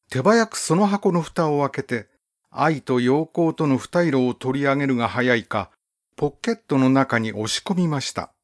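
Lively-pitched male storybook narrator. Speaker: audiobook narrator. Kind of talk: calm literary storybook narration.

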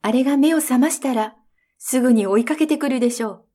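A woman's voice: sits high, fast, warm tone. A woman reading a storybook, voicing a tearful, frightened young princess who speaks anxiously. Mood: fearful. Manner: anxious, pleading.

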